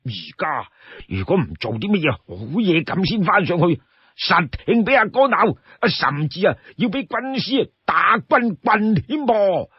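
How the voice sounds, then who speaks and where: A man plays a boisterous outlaw warrior from a storybook, eager for a fight and always wheedling. The voice is high and husky, leaping up and down in pitch, full of exclamations and pleading. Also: very animated, measured pace, dry recording, full character voice. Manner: pleading, exclamatory, stammers when cornered. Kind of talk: Cantonese storytelling character voice. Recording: dull, close dry studio sound.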